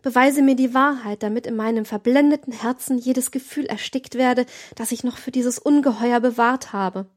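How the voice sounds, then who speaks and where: A woman's voice: on the high side, fairly even intonation, normal speed, hardly any pauses, lightly acted. A woman voicing a wronged noble mother in an audiobook, indignant and exclaiming. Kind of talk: audiobook reading.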